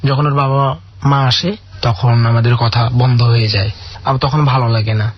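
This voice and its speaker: A man's voice: medium pitch, fairly even intonation, moderate pace, slightly rough, no room sound. A man calling in to a radio show, earnestly telling a long personal story full of quoted dialogue. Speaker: caller. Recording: dull lo-fi radio audio.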